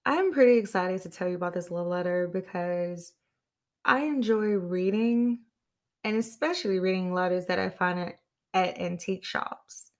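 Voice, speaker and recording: A woman's voice: fairly low pitch, moderate pace. A woman podcast host talking on her own to her listeners. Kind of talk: solo podcast talk.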